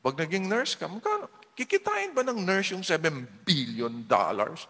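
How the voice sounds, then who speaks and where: Filipino priest, male, lively swooping pitch, playful homily, long church echo. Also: moderate pace. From Philippines. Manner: animated, playful, acts out quotes. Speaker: parish priest. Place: large parish church. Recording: long reverb of a church hall.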